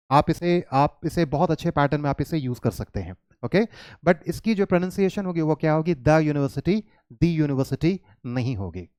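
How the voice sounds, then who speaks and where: Male teacher, patient lesson for children, mixes Hindi with English, smooth clear voice, dry close sound. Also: a little high, darkish tone, dry recording. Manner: patient, repeats questions and answers them himself.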